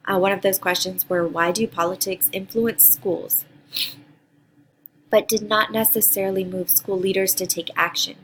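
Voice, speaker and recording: In this course introduction video, a Costa Rican teacher in her thirties reads from prepared notes, earnest and dropping the occasional um. Her mid-range voice is steady, a bit bright and normally paced, and the low-quality recording carries slight background noise.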